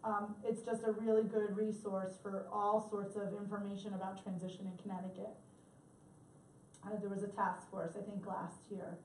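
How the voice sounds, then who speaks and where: A woman's voice: medium pitch, flat delivery, normal speed, darkish tone, a little hiss or hum. A woman presenting an assistive technology workshop, conversational and chatty with fillers. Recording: echoey room, mic far off, faint ambience.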